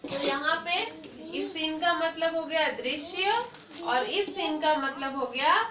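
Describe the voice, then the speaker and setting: A woman's voice: sits high, slow pace. A woman teaching a class, patient and questioning, often checking that students understand. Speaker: English teacher. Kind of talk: classroom lesson. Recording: echoey classroom, far from mic, faint noise.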